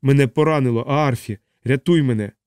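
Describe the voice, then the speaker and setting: A man's voice: medium pitch, a little fast, a little mellow, smooth, no room sound, close to an everyday voice. A wounded young airman, as a male reader voices him pleads for help in a strained, urgent voice. The sound is dry and close, as in a studio audiobook. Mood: desperate pleading. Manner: pleading, then fading and weak.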